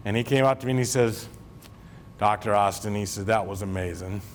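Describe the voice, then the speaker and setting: His voice is lowish and a little fast, with some hiss or hum behind it. The speaker, a superintendent of schools from Maine, is joking with his staff and making fun of himself during a chatty convocation address in a large hall with people present.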